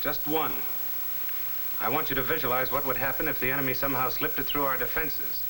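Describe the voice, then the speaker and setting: A man's voice: medium pitch, fairly even intonation, brisk, bright, forceful tone, a little hiss or hum, close to an everyday voice, poor audio. A man playing a blunt military instructor in a 1950 civil defense training film, with an American accent and slangy, scripted delivery. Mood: matter-of-fact. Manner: blunt, slangy, hard-boiled. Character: blunt, wisecracking military instructor drilling servicemen. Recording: vintage 1950 film soundtrack with music.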